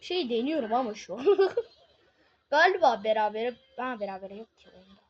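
A woman giving casual live commentary on her own game, excitable, swinging from muttering to shouting. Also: on the high side, moderate pace, slightly rough, dull audio.

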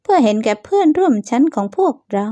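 A spiteful rich girl from a dubbed manga story, played by a woman with a high, sharp, sing-song voice that needles and gloats. She sounds smooth and mellow rather than harsh, and the recording is close and dry. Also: very animated, quick pace, no echo. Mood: smug. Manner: taunting, smug, sing-song. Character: scheming spiteful young woman, rich bully.

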